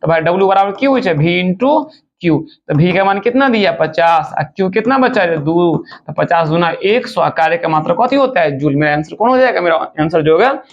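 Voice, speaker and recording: A male physics teacher races through exam questions in a quick, chatty way. His voice sits high and gravelly. The recording sounds dull and lo-fi. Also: lively intonation. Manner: fast, chatty, addresses students informally as "bachcha". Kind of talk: objective-question exam lesson.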